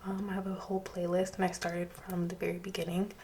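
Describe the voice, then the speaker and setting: A woman doing soft-spoken ASMR reading, drifting between a hushed voice and a whisper. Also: on the low side, completely flat delivery, fast talker. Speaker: ASMR channel host. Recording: street noise in background. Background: street traffic.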